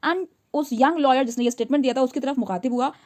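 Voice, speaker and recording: A woman teacher with a high, light voice walks her listeners through a story one line at a time. She reads each English phrase slowly and carefully. Then she explains it in quick, chatty Hindi, firing questions at her listeners. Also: a little mellow.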